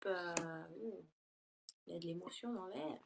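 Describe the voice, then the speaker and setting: A woman's voice: fairly low pitch, moderate pace, gravelly, background noise. A woman giving a casual tarot reading to her laptop, hesitant and full of fillers and self-corrections. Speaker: tarot reader. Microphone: laptop built-in mic.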